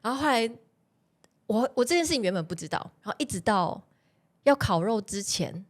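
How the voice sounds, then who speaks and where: A young woman, a podcast guest telling personal stories in a casual, animated way and laughing often. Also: mid-range voice, brisk. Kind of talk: casual storytelling chat.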